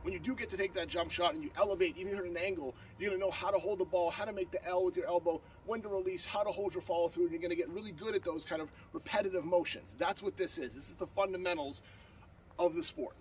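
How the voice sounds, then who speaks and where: A sword-fighting instructor with a cold gives a casual tutorial outdoors on a lawn, speaking quickly and earnestly in a fairly high, steady voice through a blocked-up nose. He uses lots of fillers and restarts, and the tripod camera a few steps away picks up plenty of outdoor noise.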